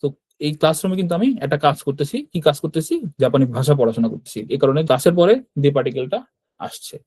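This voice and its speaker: A man teaching a grammar lesson at a brisk clip, talking in a fairly high voice. He explains patiently and keeps checking that his listeners follow. The sound is close and dry, with no room echo. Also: a little mellow, breathy edge. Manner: explanatory, checks understanding with frequent tag questions. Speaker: Japanese language teacher. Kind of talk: classroom-style grammar lesson.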